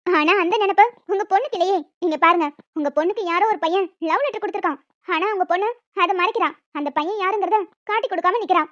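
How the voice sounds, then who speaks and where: A performer voicing a stern, snobbish schoolteacher in a cartoon, cold and haughty. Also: female voice, extremely high pitch, fast, fairly bright tone, no echo. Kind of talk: cartoon voice acting. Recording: dull lo-fi dry recording.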